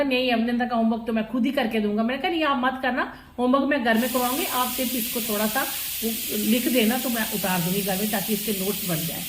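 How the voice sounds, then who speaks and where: A woman in her thirties, a mother, telling a story in a casual vlog while cooking at home, animated and repeating her own words with emphasis. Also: a little high, roomy sound, rough recording. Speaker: vlogger, mother.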